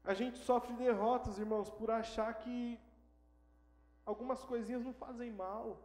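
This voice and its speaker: High-voiced man preaching in an echoey church. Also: steady tone, measured pace, darkish tone. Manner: emphatic preaching, repeats words for stress. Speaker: pastor. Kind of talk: sermon.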